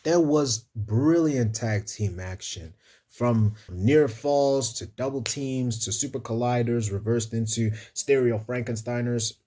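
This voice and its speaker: Male reviewer, dark husky voice, loose and playful solo recap. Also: medium pitch, takes it slowly. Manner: chatty, playful, talks to viewers as "y'all". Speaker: wrestling show reviewer.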